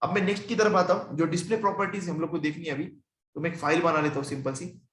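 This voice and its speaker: A young man from India teaching programming in a relaxed, conversational way, asking and answering his own questions. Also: on the high side, fast talker, roomy sound. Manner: conversational, asks and answers own questions, often checks in with "ठीक है". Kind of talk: screen-recorded coding tutorial.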